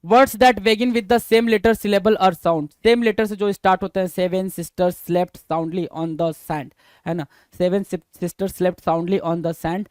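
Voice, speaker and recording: A man teaching an exam-prep vocabulary lesson, who reads definitions slowly, then explains in quick asides and spells words letter by letter. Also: high-pitched, no echo. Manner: addresses listeners as "bhai".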